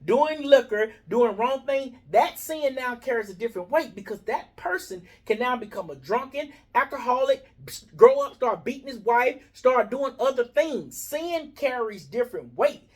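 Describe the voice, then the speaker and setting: A man's voice: very high-pitched, animated, moderate pace. An American man in a heated, casual barbershop debate, preaching his point argumentatively and repeating phrases for emphasis.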